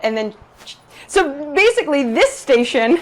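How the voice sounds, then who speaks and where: Bubbly loud-talking woman cooking at home. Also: high voice, very animated, a little slow. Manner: bubbly, chatty, addresses viewers directly; self-described loud talker. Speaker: cooking video host. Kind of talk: live-streamed cooking demo chat. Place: home kitchen in a Brooklyn apartment. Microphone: 360 camera rig.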